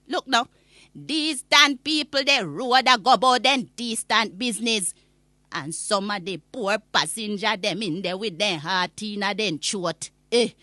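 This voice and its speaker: Woman playing a scolding old Jamaican granny, bright voice. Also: mid-range voice, no room sound, studio quality. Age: older. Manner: scolding, indignant, emphatic, drawn-out words. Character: cantankerous old Jamaican granny ranting about bad drivers. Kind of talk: comic rant monologue in patois.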